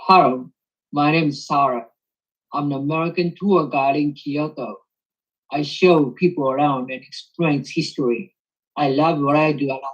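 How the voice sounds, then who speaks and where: Slow husky woman reading aloud. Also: sits low, highs cut off. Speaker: pronunciation student. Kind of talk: reading a short text aloud.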